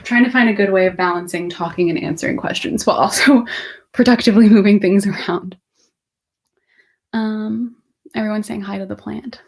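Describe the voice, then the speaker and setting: Chatting casually to her livestream audience, a woman in her twenties meanders through her thoughts and fields viewers' questions with half her attention. She talks at a normal speed in a medium pitch with vocal fry, in a room at home with bookshelves.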